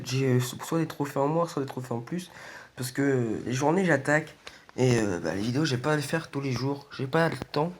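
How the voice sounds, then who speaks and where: A man casually commentating on a video game, his voice weak and congested from a sore throat. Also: medium pitch. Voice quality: slightly croaky, strained by sore throat. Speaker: gaming video host.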